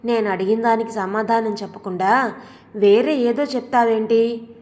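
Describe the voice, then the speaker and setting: A woman's voice: on the high side, fairly even intonation, normal speed, darkish tone, natural voice. A woman reading a meek middle-aged husband. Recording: long hall reverb.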